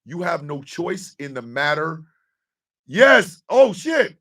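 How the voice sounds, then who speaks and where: A man in his fifties hosting a live stream, ranting with profanity and often breaking into shouts. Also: on the high side, very animated, slow pace, recorded from a distance. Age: 50s. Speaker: host.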